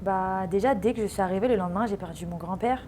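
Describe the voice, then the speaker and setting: A young woman from France in her twenties, a guest in a casual interview, telling stories with lively energy and acting out other people's lines. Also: medium pitch, fast, a little hiss or hum. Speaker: interview guest, professional footballer.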